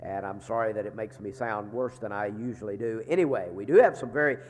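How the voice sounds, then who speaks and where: A man's voice: lowish voice, brisk. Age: middle-aged. Sex: man. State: congested from a sinus infection, sounding like he's inside a barrel. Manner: folksy, joking chapel announcements. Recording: long reverb of a chapel hall. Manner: folksy and joking, with frequent "uh" fillers. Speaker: seminary leader giving chapel announcements. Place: large chapel.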